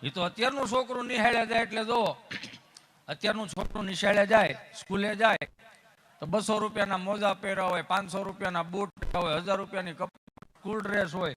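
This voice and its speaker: Young stage comic, high bright voice, faint music behind him. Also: male voice. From Gujarat, India. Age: young adult. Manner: folksy, acts out characters in his stories. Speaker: stand-up comedian at a folk stage show. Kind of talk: stage comedy storytelling.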